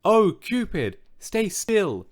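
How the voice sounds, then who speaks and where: A man's voice: high-pitched, very animated, takes it slowly, a little mellow, pitched above the performer's own voice, exaggerated voice. A man voicing a sensible young girl on a secret rescue in a children's story. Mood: earnest. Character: brave clever young girl, a witch.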